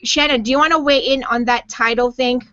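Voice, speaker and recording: A woman's voice: a little high, steady tone, fairly quick, a bit bright, no echo. A woman hosting a casual live web show, chatting and reading viewer questions aloud over a video call. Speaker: host. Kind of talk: casual live-stream chat. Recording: dull lo-fi web stream audio.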